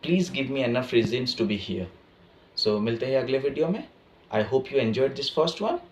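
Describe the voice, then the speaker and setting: A man's voice: medium pitch, lively intonation, rapid-fire, slight background noise. A man from Odisha with an Odia accent and Odia as his first language, giving a spoken English pronunciation lesson and mixing in Hindi. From Odisha, India. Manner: mixes Hindi into English, repeats "right?". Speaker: English teacher.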